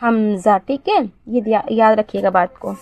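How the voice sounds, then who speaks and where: A woman teaching a beginners' Quran reading lesson. She asks questions and answers them herself, and drills syllables slowly and clearly. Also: medium pitch, no room sound, muffled recording.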